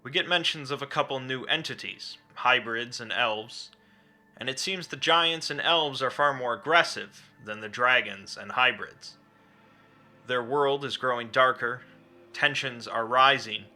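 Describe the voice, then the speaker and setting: A man's voice: mid-range voice, pushed and bright. A man reading a scripted, dramatic explainer as a narrator. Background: background music.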